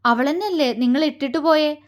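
Woman narrator voicing a tearful, fiery young wife; high, choked, sharp. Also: moderate pace, close to an everyday voice. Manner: choked, pleading, then sharp and scornful.

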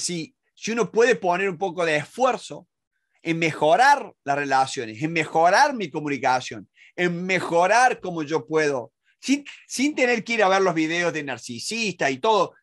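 Man, middle-aged, negotiation instructor, slightly high voice, rhetorical questions, frequent restarts. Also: fairly bright tone. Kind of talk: spoken lesson to an audience.

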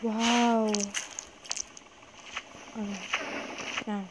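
A jumpy, foul-mouthed woman narrates her horror game run out loud, laughing and cursing at every scare. Her voice sits a little high, and the recording carries a steady hiss of noise behind her. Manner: swears a lot, talks to her chat, jumpy and quick to laugh. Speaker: gamer streaming a horror game. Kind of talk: casual gameplay commentary.

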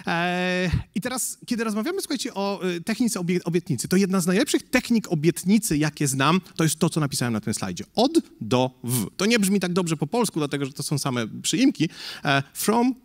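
A man's voice: sits high, animated, fairly quick. A man giving a casual conference presentation, chatty and jokey, often asking the audience questions and talking with many fillers. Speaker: conference speaker.

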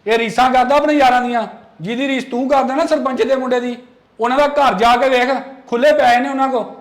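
A man's voice: very high voice, fairly even intonation, a little fast. A man playing a stern older brother who lectures his younger sibling about money in a home-made family skit. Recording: echoey room, faint music.

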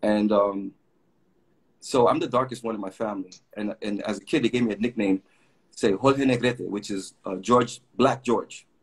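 This graffiti artist guest, a middle-aged man from Puerto Rico, tells drawn-out, filler-laden stories while chatting on a webcam video call. His voice is husky and fairly low, at normal speed.

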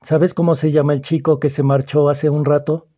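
A man reading the part of a calm, persuasive schoolboy who probes another boy's fears, in an audiobook. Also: on the high side, moderate pace, lightly acted. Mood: calm, probing. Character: calm, probing, mysterious older schoolboy.

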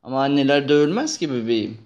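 A young man gently and patiently questioning his little daughter in a casual, playful chat. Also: medium pitch, lively intonation, fast talker, lo-fi sound.

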